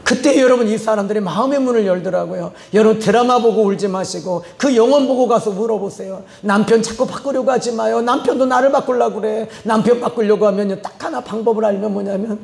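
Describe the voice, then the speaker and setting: High, gravelly pastor preaching a sermon. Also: male voice, fairly quick, few pauses, darkish tone, echoey room. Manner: emphatic, with rhetorical questions and storytelling asides.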